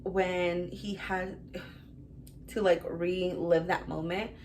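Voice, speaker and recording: A woman's voice: on the low side, flat delivery, slow pace, darkish tone, slight background noise. Chatty young woman gushing about books. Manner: chatty and rambling, full of "like" and "um". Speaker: book reviewer. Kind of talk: casual book review vlog.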